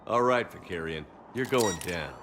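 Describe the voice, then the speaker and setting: A man voicing a steady, confident military commander in a video game, measured and assured. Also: sits low, background noise. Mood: teasing, confident.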